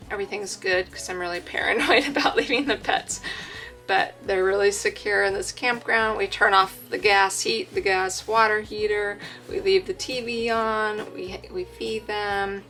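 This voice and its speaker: A woman vlogger with a noticeably creaky voice at an average pitch. She chats informally to her viewers, with music clearly playing behind her. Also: fairly even intonation, moderate pace, pushed and bright. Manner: informal, chatty, talking to viewers. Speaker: travel vlogger living full time in an RV. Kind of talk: casual vlog chat. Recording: background music under the voice.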